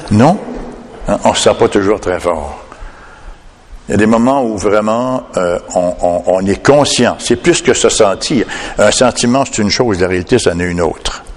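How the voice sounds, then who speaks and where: A man's voice: on the low side, big-room sound. A man preaching a sermon emphatically, often tagging his points with a questioning "hein?". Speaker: pastor.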